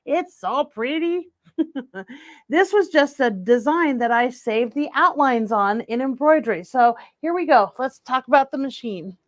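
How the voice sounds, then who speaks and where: A woman's voice: sits high, no echo. A woman, cheerfully demonstrating a sewing machine technique as an instructor. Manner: upbeat, chatty. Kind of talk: how-to demonstration. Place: sewing store studio.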